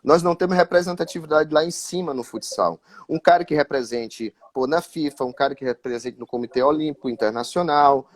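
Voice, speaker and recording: Lively storyteller with a high voice. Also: male voice, brisk, few pauses. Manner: lively anecdotal, with many fillers like "né, cara". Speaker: former futsal goalkeeper telling a story. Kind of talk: casual live-stream storytelling.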